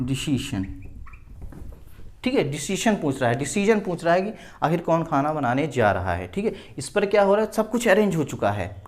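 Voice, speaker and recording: A male English teacher with an Indian accent, his voice pitched a bit high for a man. He walks through examples patiently, repeating key words and checking in with the class after almost every line. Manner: explains slowly, repeats words, keeps asking "ठीक है?". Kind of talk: classroom grammar lesson at a board.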